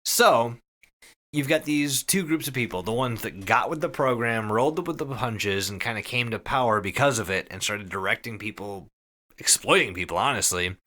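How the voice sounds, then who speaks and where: Here a male podcast host runs through an internet horror story in a relaxed, profane way, punctuated by emphasis and wry comments. His medium-pitched voice is pushed and bright, with lively intonation at a moderate pace.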